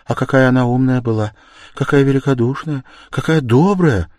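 A meek, timid young woman, voiced by a male audiobook reader, speaks softly and hesitantly, her tone lifted far above his own low register. Her words come in small, unsure pieces that swell into tearful pleading. The recording is dry and close. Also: moderate pace, no echo, natural voice. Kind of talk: audiobook character reading.

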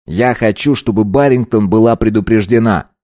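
A man reading an audiobook, voicing a calm, sardonic young man in his own voice. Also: fairly low pitch, moderate pace, no echo, lightly acted. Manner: calm, dry. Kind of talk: audiobook character voice.

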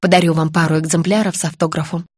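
A pompous middle-aged writer speaks in a lowered, smooth voice, as a woman puts him on. Close, dry storybook reading. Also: fairly even intonation, fast talker, a little mellow, no echo. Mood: self-assured. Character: pompous middle-aged male author, host of the house.

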